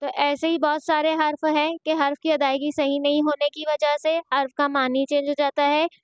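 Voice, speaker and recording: A woman's voice: high-pitched, level tone, moderate pace. A woman teaching a Quran reading lesson, patiently reciting letters one by one and explaining how each is pronounced.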